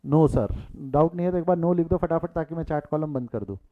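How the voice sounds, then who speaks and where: Male accounting teacher, live online class, somewhat high-pitched, phone-like lo-fi audio. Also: brisk. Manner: mixes English terms, repeats key figures, urges students to reply in chat.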